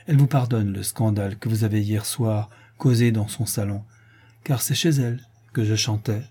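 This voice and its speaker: A man reading an audiobook and voicing a tender, forgiving young woman singer who speaks softly and slowly. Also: on the low side, breathy edge.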